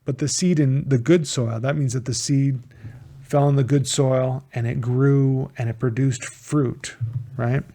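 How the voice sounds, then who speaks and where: Speaking from the United States in an even, medium-pitched voice, this man delivers an informal Bible teaching at a measured pace. He is earnest, often repeats key words for emphasis, and restarts phrases as he goes.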